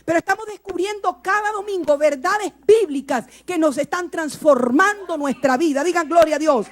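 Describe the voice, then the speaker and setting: A woman's voice: very high-pitched, normal speed. A woman pastor preaching a sermon in a church, leading the congregation in call-and-response and repeating phrases for emphasis. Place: church sanctuary.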